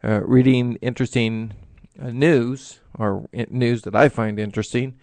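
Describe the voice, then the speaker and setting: Middle-aged male radio host, gravelly and halting, dry close sound. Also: medium pitch, steady tone, darkish tone, no echo. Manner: earnest, halting, many filler sounds. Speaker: internet radio show host. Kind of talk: solo talk-show monologue.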